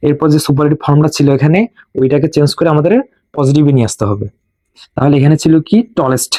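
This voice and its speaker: Male grammar tutor, patient rule-drilling delivery, warm low timbre, dead dry room. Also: no echo. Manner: slow and drilling, repeats rules for students to memorize. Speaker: English grammar teacher. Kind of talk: classroom lesson.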